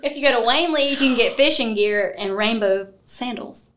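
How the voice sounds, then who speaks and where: A woman's voice: fairly high pitch, normal speed, fairly bright tone. Playful woman from Mississippi co-hosting. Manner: playful, laughs often. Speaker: podcast co-host. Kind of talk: casual chat over drinks.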